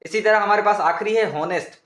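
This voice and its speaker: A man's voice: high-pitched, moderate pace, fairly bright tone, echoey room. A man teaching English grammar in a patient, repetitive lesson, often calling his viewers students. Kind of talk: explanatory classroom lesson.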